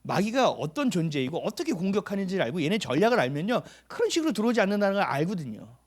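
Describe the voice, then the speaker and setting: A man preaching a sermon as pastor, asking the congregation questions and answering them himself, sometimes dropping to a hushed near-whisper for emphasis. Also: sits high, sing-song, racing.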